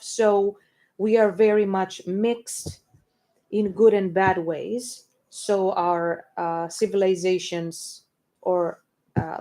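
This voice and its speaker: Here a bickering young English band member, co-hosting a stream, trades casual banter with the odd offhand swear word. Her voice sits in the mid-range and has a slightly mellow quality.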